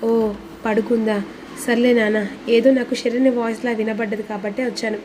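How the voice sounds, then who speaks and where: A woman voicing an older mother-in-law who asks questions slowly and is suspicious but easily reassured. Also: a little high, flat delivery, a little mellow, slight background noise, close to an everyday voice.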